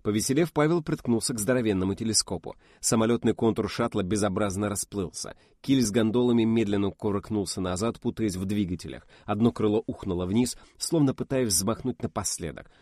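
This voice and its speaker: A man narrating a science-fiction audiobook in a dramatic, measured way. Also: fairly low pitch, darkish tone, dry recording, clean studio sound.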